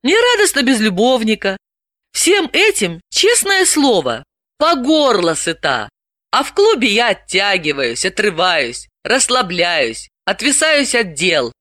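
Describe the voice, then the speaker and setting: A woman reading an audiobook, voicing a tired, measured woman psychologist in her thirties. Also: medium pitch, very animated, a bit bright, no echo, clean studio sound. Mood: weary.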